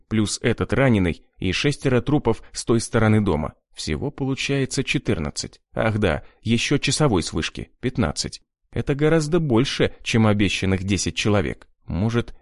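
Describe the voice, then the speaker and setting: A man's voice: on the low side, dry recording, studio quality. Man narrating a grim audiobook. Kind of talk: scripted narration.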